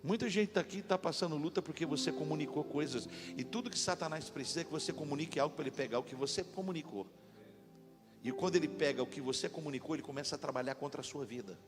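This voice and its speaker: A man pastor preaching a lively sermon in a church, leading the congregation to repeat after him. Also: a little high, quick pace. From Brazil. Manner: animated, call-and-response with congregation. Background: instrumental music.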